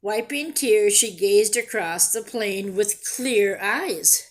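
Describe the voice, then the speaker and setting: Reading a picture book to young children, this teacher and storyteller speaks at a medium pitch. Her delivery is expressive and deliberate, broken by pauses where she asks easy questions and explains what's happening.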